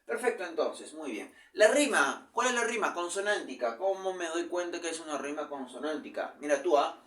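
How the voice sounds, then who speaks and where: Male literature teacher, fairly high voice, explains step by step, recorded off-mic in a reverberant room. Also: animated, normal speed, a bit bright, recorded from a distance. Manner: explanatory, checks in with frequent "¿ya?". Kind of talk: virtual class lecture.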